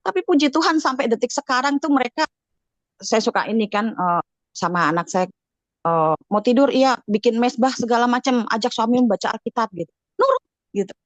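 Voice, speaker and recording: A woman's voice: on the high side, expressive, brisk, no room sound, low-quality recording. A middle-aged woman giving a casual spoken testimony at a prayer meeting, chatty, with many fillers and restarts. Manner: chatty, frequent fillers and self-corrections. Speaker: church member giving a testimony.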